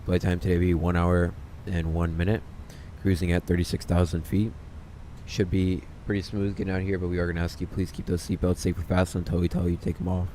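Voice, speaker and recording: A man's voice: low-pitched, level tone, fast, dark tone, slight background noise. A man speaking as the captain in a raised, formal voice, giving a cabin announcement from the cockpit into a headset mic. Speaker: flight sim streamer playing captain.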